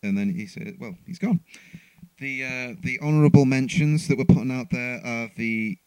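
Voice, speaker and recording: A man's voice: medium pitch, normal speed, a little mellow, smooth, no echo, low-quality recording. A man co-hosting a casual podcast chat, chatty and stumbling over his words. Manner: chatty, laughs along, repeats words. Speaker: podcast co-host.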